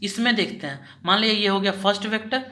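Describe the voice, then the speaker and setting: A man teaching a recorded lesson in a bright, slightly tense voice. He goes slowly and repeats each point, firing off questions and answering them himself. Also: high-pitched. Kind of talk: recorded class lecture.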